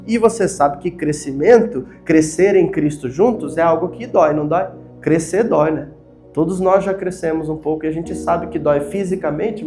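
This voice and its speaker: High-voiced Brazilian pastor preaching over soft music. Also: male voice. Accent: Brazilian Portuguese. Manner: rhetorical questions, repetitive emphatic phrasing. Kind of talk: sermon. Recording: faint music behind.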